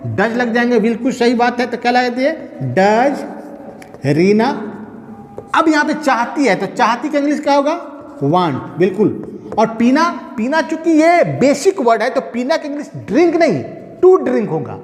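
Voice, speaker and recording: A man's voice: extremely high pitch, big pitch swings, moderate pace. A man with a Bihari Hindi accent teaching a grammar lesson to a class, asking questions and answering them himself. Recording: echoey hall with long reverb.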